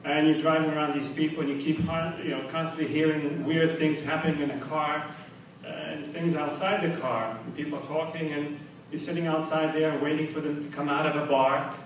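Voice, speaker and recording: A man's voice: steady tone, normal speed. Man telling jokes from far off in an echoey club. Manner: tells joke after joke, jumps up in pitch for the punchlines, laughs at his own jokes. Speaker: stand-up comedian. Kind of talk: open mic joke telling. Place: small club at an open mic night. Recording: echoey room from far off, faint noise.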